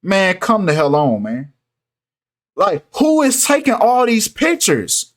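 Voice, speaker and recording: A man talking in an animated, insistent way in a casual commentary video, often repeating "right?" and "come on, man". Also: high voice, slow pace.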